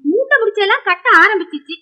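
A woman's voice: very high-pitched, expressive, fast, bright, forceful tone, heavily acted. An actress playing a chatty, scolding woman of the household in a 1950s film, rambling through her story. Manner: scolding, rambling tale-telling.

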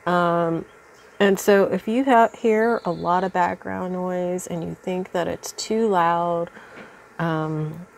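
A congested woman, stuffy from allergies, chats through a casual beading tutorial indoors at a craft table. Her fairly low, creaky voice moves slowly with fairly even intonation as she thinks aloud, saying um a lot.

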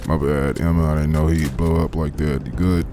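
Deep gravelly man muttering game commentary. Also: level tone, normal speed, music in the background. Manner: laid-back, crude, muttering to himself. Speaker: gaming commentator. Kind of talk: casual let's play commentary.

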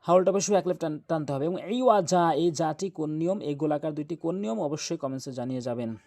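A man's voice: on the high side, vocal fry, warm tone. Man spelling out Quran letters aloud. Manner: spells letters aloud syllable by syllable, then repeats the word; slow, drawn-out chanting when reciting verses. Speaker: Quran recitation teacher. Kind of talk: spelled-out recitation lesson.

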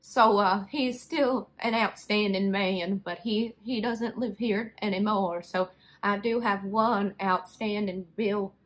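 A woman's voice: medium pitch, steady tone, takes it slowly, natural voice, low-quality recording. A woman voicing a sweet, rambling old lady in her late eighties, folksy and obtusely literal, in a prank call. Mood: rambling, obliviously literal. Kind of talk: prank phone call role-play. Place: small bedroom, indoors.

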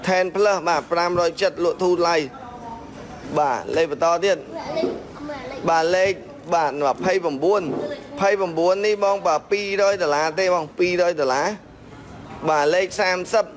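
A man from Cambodia working as a phone shop seller, reeling off one phone model and price after another in a steady sales patter. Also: sits high, unhurried.

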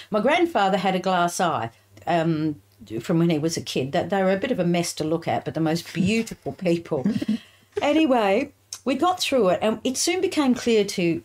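A middle-aged woman telling childhood stories in a relaxed, laughing, chatty way, with many fillers. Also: on the low side. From England. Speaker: guest author. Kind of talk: casual storytelling interview.

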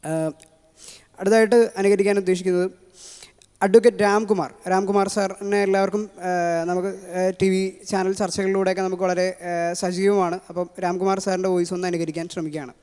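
A man with a Malayali accent introducing his impressions, talking fast with many fillers. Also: high-pitched, level tone, a little mellow, smooth. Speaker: mimicry artist. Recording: long hall reverb.

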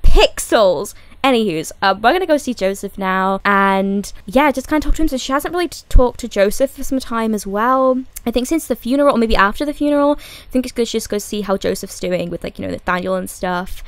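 A woman's voice: a little high, lively intonation, fairly quick, no echo. A young woman chatting casually as she narrates her game, giggling often and teasing herself. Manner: giggly, self-deprecating, chatty. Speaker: let's play creator. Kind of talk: casual gameplay commentary. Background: faint background music.

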